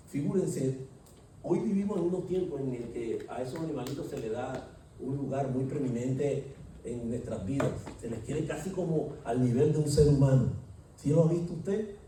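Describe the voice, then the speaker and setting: A preacher giving an emphatic sermon and often asking the congregation rhetorical questions. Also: male voice, mid-range voice, moderate pace, warm tone, slight background noise. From Colombia. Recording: echoey hall, distant mic.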